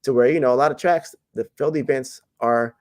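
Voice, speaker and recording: This track and field jumps coach speaks at a medium pitch and a brisk clip. Chatting in a podcast interview, he stays relaxed and rambling, often restarting and leaning on fillers.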